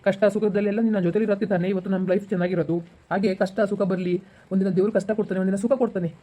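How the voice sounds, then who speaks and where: A man playing a calm, reassuring husband in an amateur village family drama. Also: high voice, rapid-fire. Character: gentle, patient rural husband.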